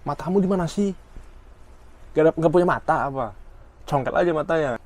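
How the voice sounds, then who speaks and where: A man's voice: on the high side, a little fast, darkish tone, voice pushed up. A man voicing an angry, rude Japanese male coworker who scolds and insults. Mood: angry scolding.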